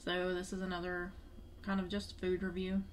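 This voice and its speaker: A woman's voice: fairly low pitch, completely flat delivery, moderate pace, slight background noise. A woman hosting a family vlog, chatting casually as she reviews food.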